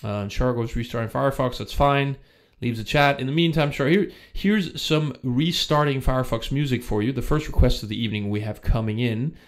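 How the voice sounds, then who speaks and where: A gravelly-voiced man hosts a casual live stream from a room in Germany, talking briskly in a mid-range voice. He rambles, interrupts himself, and stays chatty, recorded on a studio microphone without a pop filter.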